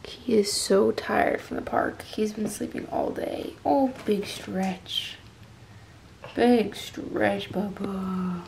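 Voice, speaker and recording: A woman's voice: mid-range voice, very animated, slow pace, creaky, a little mellow, in a whisper. A woman in her twenties chatting casually to camera at home and cooing doting baby talk to her dog. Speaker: vlogger. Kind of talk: casual vlog chat. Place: home kitchen and bedroom indoors. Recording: roomy echo with music bed. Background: background music.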